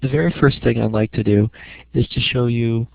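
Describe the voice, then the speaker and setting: Creaky-voiced man teaching basic math. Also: mid-range voice, fairly even intonation, moderate pace, dry recording. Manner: checks understanding with frequent "okay". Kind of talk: informal explanatory lesson. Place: small room at home. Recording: dry, dull lo-fi home recording.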